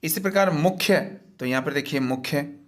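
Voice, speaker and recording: A man's voice: fairly high pitch, normal speed. A man teaching as he walks through a worksheet's answers, explaining each one patiently and step by step in a repetitive way.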